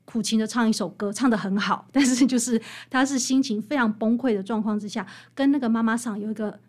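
A woman's voice on the high side, a little fast, belongs to a guest author with a Taiwanese Mandarin accent being interviewed about her book. She explains and tells stories in an emphatic, conversational way.

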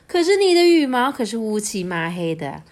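A woman's voice: fairly high pitch, sing-song, moderate pace, pitched above the performer's own voice. A woman voicing a vain, boastful male peacock in a children's picture-book reading, haughty and scolding.

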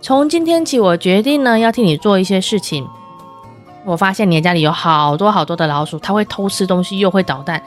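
A woman's voice: medium pitch, animated, fairly quick, faint music behind, close to an everyday voice. A woman storyteller voicing a cunning, wheedling little male cat in a children's tale. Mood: earnest.

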